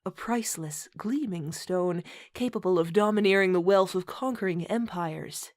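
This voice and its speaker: Speaking at a moderate pace in a lowish voice, a woman serves as host and reader for a funny read-aloud with relaxed chatter. She giggles a lot and keeps breaking into laughter as she talks.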